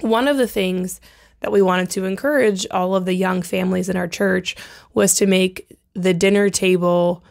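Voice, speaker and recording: A woman co-hosting a podcast in casual chat, her voice hoarse and wheezy as it recovers from laryngitis. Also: fairly low pitch, fairly even intonation, normal speed, darkish tone. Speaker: podcast co-host.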